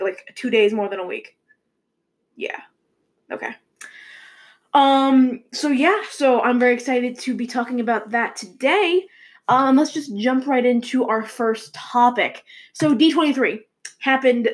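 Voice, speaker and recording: A young woman hosting a casual movie news chat, rambling with many fillers and restarts. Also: a little high. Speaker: show host.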